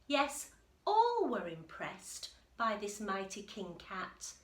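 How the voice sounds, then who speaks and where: Echoey, unhurried woman reading a children's storybook. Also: medium pitch. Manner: animated, deliberate storyteller with emphatic delivery. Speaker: infant school teacher reading aloud. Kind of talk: expressive children's picture book reading with chatty asides. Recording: roomy, echoey indoor sound.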